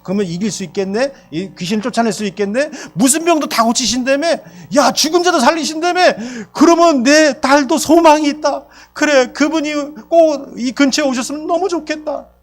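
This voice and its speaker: A man's voice: very high-pitched, voice pushed up. A man voicing a desperate foreign mother who cries out and pleads for help for her daughter, acted in the middle of a sermon. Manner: crying out, pleading.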